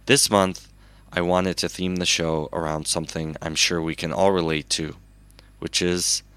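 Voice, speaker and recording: A man hosting his own radio show, talking in a calm, unhurried, earnest monologue. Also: low-pitched, no room sound. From Chicago, USA. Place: recording alone at a microphone.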